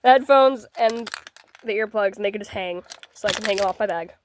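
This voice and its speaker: A woman's voice: mid-range voice, a little fast, noisy background. A teenage girl with a congested, stuffy voice, chatting casually to the camera while packing for a trip. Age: teens. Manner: chatty, bubbly, self-deprecating asides. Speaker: vlogger.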